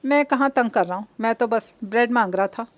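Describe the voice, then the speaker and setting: A woman's voice: on the high side, no echo, lightly acted. A woman voicing a teasing young man who puts on an innocent tone. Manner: mock-innocent.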